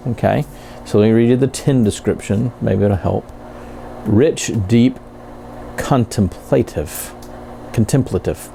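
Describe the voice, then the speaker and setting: A man giving a casual, rambling product review, halting and correcting himself as he goes. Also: medium pitch, warm tone, a little hiss or hum. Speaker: pipe tobacco reviewer.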